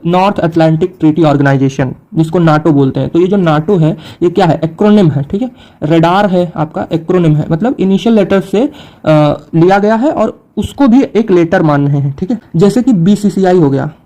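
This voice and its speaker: A young man teaching exam vocabulary in Hindi with an Indian English accent, reading English definitions slowly and checking in often with the listener. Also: high voice, dark tone, rough recording. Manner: frequent fillers and "theek hai" checks. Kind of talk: vocabulary lesson.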